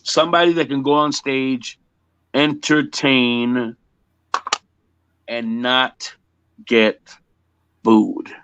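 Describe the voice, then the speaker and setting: A man's voice: medium pitch, flat delivery, very slow, long pauses, fairly bright tone, smooth, dry recording. A man in his fifties, a music performer chatting casually in an interview, joking and repeating himself emphatically on muffled lo-fi audio. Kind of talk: casual one-on-one chat.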